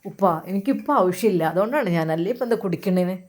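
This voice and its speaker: A woman doing a quiet, gentle young man. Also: medium pitch, animated, fast talker, slight background noise, lightly acted. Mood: comforting. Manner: quiet, polite, subdued.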